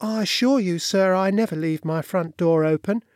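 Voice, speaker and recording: A man voicing a respectable, anxious landlady who speaks in a civil, gentle, passionless way. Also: high voice, normal speed, no echo, studio quality, natural voice. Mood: flustered. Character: civil, anxious middle-aged female landlady.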